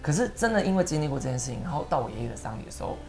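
A woman with a low, deep-set voice tells her stories at a brisk clip, and her pitch swings widely as she goes. She is emotional and animated, sometimes close to tears, while music plays clearly behind her. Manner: emotional, tearful at moments, animated storytelling. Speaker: guest. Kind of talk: storytelling interview.

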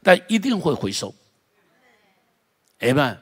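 A man pastor preaching a sermon in an animated way, leading the congregation in repeating phrases. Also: a little high, takes it slowly, slightly rough.

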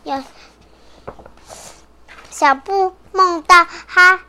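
Little girl reading a picture book story, super high bright voice, kinda halting and repeats stuff. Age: young child. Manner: halting, repetitive young child's delivery with drawn-out words. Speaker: guest storyteller standing in for the regular host.

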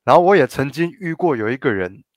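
Animated Taiwanese Mandarin man, dry sound. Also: medium pitch, fast talker, no room sound. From Tainan, Taiwan. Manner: animated storytelling with mock-quoted voices. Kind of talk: casual chat.

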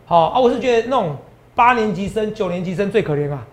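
A man with a Taiwanese Mandarin accent hosting a stock-tips show, animated and boastful, lecturing viewers like students. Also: high-pitched, fast. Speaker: stock market analyst host.

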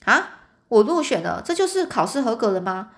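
A woman voicing an honest middle-aged pawnbroker in a storybook. He is earnest and somewhat bewildered, in a plain, fairly high read. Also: sing-song, moderate pace.

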